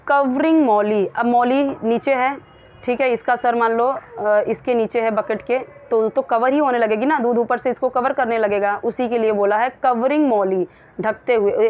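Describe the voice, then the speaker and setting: A woman with a fairly high voice teaches English, reading each sentence slowly, word by word. She explains every phrase, repeating and rephrasing as she goes. The recording sounds dull and lo-fi. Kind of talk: explaining a lesson.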